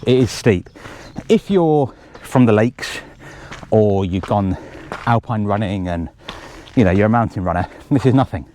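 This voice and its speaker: This is casual running commentary from a man organising a race, jogging a forest trail and chatting breathlessly with jokes tossed in as he rambles. His lowish voice is animated and a little mellow, at a moderate pace. A slight hiss or hum can be heard.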